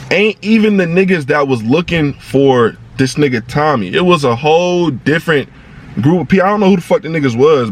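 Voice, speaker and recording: A young man telling a personal story in a casual vlog, talking in excitable, profane street slang that jumps high when he gets worked up. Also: slight background noise.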